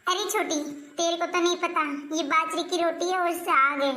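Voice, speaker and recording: Complaining high-pitched woman in a skit. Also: fairly even intonation, normal speed, sharp tone. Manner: complaining, aggrieved, nagging. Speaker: elder daughter-in-law in a family skit. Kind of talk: scripted family skit acting.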